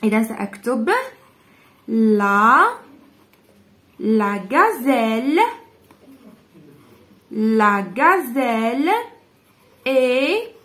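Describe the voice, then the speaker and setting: A woman with an Algerian Arabic accent teaching pupils a French textbook exercise, saying the French slowly and explaining it more quickly. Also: on the high side, animated, fairly bright tone. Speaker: primary school teacher.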